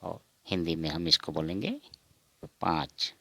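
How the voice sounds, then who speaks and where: A man with a very low, gravelly voice teaches numbers at an unhurried pace. He repeats every word and asks and answers his own questions. The sound is dry and close. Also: lively intonation, a bit bright, no echo. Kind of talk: slow spoken counting lesson.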